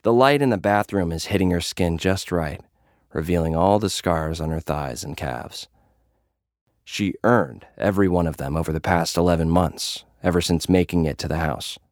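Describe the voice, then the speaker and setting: Here a man plays a jaded young gladiator influencer, his low, natural voice captured close and dry. Putting on a tough act, he confides his tale in first person at a normal speed, slangy and casual, in the manner of an audio drama lead.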